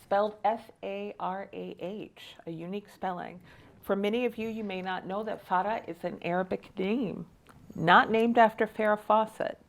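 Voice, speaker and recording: A woman hosts a studio interview, her voice sitting in a middle register. She asks short, brisk questions and fills the gaps with quick acknowledgments. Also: mid-range voice, steady tone, vocal fry. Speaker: host. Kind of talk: TV interview host. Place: local TV studio.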